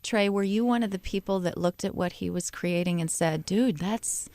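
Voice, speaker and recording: A woman's voice: lowish voice, brisk, a little mellow, no room sound. A woman hosting a public radio interview in a conversational manner. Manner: public radio host delivery.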